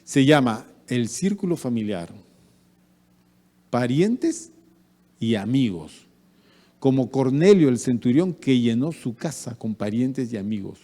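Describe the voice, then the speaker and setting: A man's voice: medium pitch, slow pace, pauses often. A man with a Peruvian Spanish accent preaching a sermon, acting out everyday anecdotes. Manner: animated preaching with acted-out anecdotes. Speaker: pastor. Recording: church hall with long reverb.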